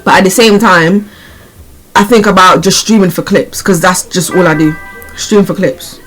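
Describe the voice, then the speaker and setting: A man's voice: sits high, steady tone, normal speed, fairly bright tone, soft background music, poor audio. A man streaming live, rambling casually and repeating himself as he talks to his chat.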